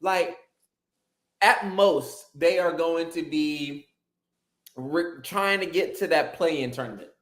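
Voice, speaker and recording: In a roomy, echoey recording, a man appearing on a casual sports podcast rants with plenty of swearing and jokes, animated throughout. His voice is a little high and slow, with long pauses.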